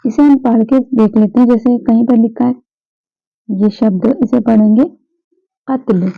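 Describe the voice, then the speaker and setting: A woman's voice: on the high side, steady tone, normal speed, gravelly. A woman teacher explaining pronunciation patiently, repeating sounds and answering her own questions. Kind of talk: Hindi pronunciation lesson. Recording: tinny phone-like recording.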